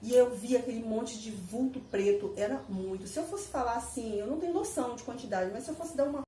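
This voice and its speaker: A woman casually telling her viewers a personal story, animated and repetitive, laughing as she goes. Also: on the high side, fast talker, slight background noise. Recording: echoey room, mic at a distance.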